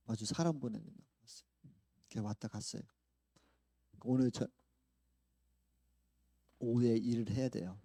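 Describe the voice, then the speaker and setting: Male pastor telling a story in his sermon, gravelly dark voice, big swings from quiet to loud. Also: medium pitch, no echo. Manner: animated storytelling, swings from hushed to loud, laughs often. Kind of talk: conversational sermon with acted-out quotes. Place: church sanctuary.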